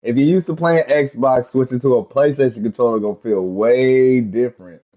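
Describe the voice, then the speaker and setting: A man's voice: medium pitch, moderate pace. A man hosting a casual gaming livestream, talking in a laid-back, slangy way and laughing often. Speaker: livestream host. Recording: dull lo-fi stream audio.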